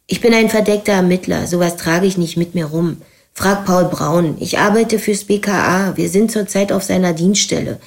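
Reader voicing a cold threatening undercover cop, flat and level, audiobook. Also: female voice, fairly low pitch, normal speed, vocal fry. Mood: cool. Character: cold, menacing undercover policeman.

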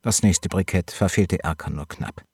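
Low husky guy reading a story, dry close mic, steady pace. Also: moderate pace, no room sound. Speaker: narrator. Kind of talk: audiobook reading of a novel.

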